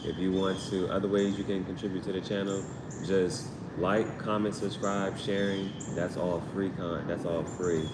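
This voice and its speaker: A man hosts a laid-back live stream as a tarot reader, wandering off on tangents, tossing in slangy asides and repeating himself. His pitch barely moves and his pace is moderate. The sound is roomy with a distant mic, and vehicles rumble through a noisy background.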